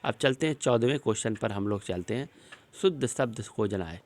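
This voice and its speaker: Low-voiced man teaching spelling drills. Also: lively intonation, a little mellow. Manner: explains step by step, repeating words slowly as he spells them. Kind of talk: exam-prep lesson on spelling, solving questions on screen.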